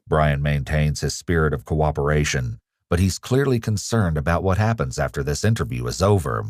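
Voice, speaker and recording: Very deep, dry-voiced male narrator. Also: lively intonation, a little mellow, dry recording. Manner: measured, grave. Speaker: documentary narrator. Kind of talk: scripted narration. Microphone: studio voice-over.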